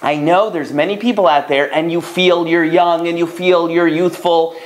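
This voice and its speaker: A rabbi and matchmaker from the United States, a man in his thirties, gives casual advice straight to the camera in a slightly high voice at normal speed. He's animated and conversational, acting out callers' lines as he goes.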